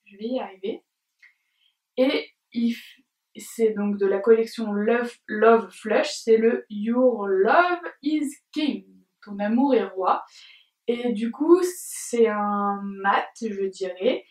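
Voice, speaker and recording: This young woman, a beauty vlogger, talks casually through a beauty tag video at home, full of hesitations, filler words and giggles. She speaks in a mid-range, slightly mellow voice and takes her time. A camera set back from her picks up roomy, far-off sound.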